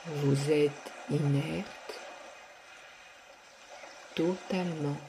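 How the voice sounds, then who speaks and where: A woman with a low voice guides a relaxation session at a very slow, unhurried pace. Her words come soft and stretched, with long pauses between phrases. A steady background noise sits under the recording. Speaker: sophrology guide.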